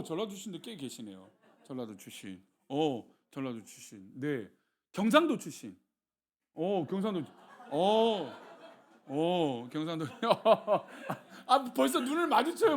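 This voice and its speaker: A middle-aged man from Seoul, a senior pastor preaching a sermon and talking with his congregation. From Seoul, South Korea. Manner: animated preaching, asks the congregation questions, drops low for blessings.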